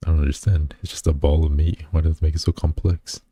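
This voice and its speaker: Reading his audience's comments back to them, a VTuber streamer chats loosely in a very deep, dark, husky voice with a flat delivery and quick pace. He rambles, restarts sentences, uses many fillers and teases himself, and the sound is dry and close to the mic.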